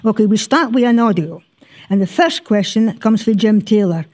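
A woman's voice: mid-range voice, expressive, moderate pace, darkish tone. Chatty Scottish woman hosting radio. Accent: broad Scottish. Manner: chatty, uses Scots words. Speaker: radio gardening show host. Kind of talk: informal presenting with banter.

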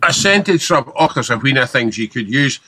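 Bright, forceful Scottish man giving advice. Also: mid-range voice, animated, moderate pace, husky. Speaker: head gardener giving advice. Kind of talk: informal expert advice.

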